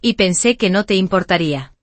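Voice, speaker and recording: A woman's voice: mid-range voice, animated, brisk, dry recording, natural voice. A woman voicing a dismissive, entitled adult sister who talks in a flippant, scornful way.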